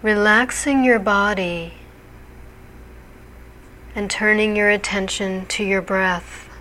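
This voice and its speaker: A woman leads a guided hypnosis session as a hypnotherapist would. Her delivery is very slow and deliberate, with a soothing, measured manner. Her voice sits at an average pitch for a woman. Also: steady tone, bright, forceful tone. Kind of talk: guided hypnosis relaxation narration.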